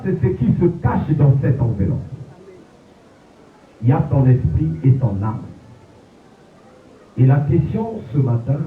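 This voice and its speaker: Man preaching a funeral sermon, echoey. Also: a little hiss or hum. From Congo. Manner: preacherly, swooping pitch drops at phrase ends. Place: funeral gathering. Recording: echoey, distant, phone-like lo-fi sound.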